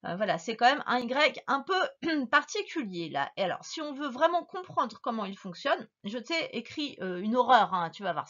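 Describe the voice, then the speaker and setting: Woman teacher doing a dictation for a kid, bright slightly high voice, super slow, spells stuff out. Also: lo-fi sound. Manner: slow, patient, stretches dictated words; spells words out letter by letter. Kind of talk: dictation lesson for a young child.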